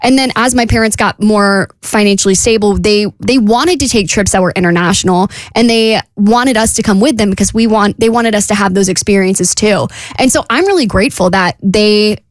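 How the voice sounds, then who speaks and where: A woman's voice: medium pitch, a little fast, hardly any pauses, no room sound. A woman radio co-host who grew up in Florida, speaking in a reflective, earnest way. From Florida, United States. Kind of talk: casual talk radio chat.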